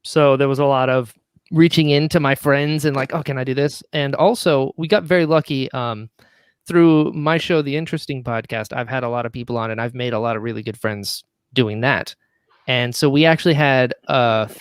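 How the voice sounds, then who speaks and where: Appearing as a guest in a relaxed interview, this man, who writes and acts in audio dramas, speaks with a clear, resonant, medium-pitched tone. He is eager and chatty, frequently chuckling along the way. No room sound can be heard.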